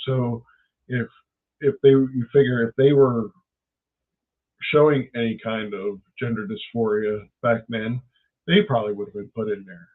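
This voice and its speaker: A man's voice: mid-range voice, fairly even intonation, a little slow. A man in a casual, conversational discussion. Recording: thin phone-like audio.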